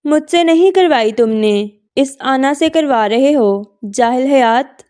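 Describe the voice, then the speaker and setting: A woman's voice: high voice, expressive, takes it slowly, a little mellow. Woman voicing a sulky, grumbling young woman.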